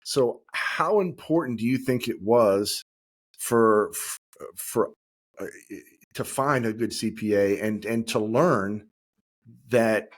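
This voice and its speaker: A man's voice: lowish voice, slow pace. A man hosting a podcast, a former police officer, asking loose conversational questions in a casual interview.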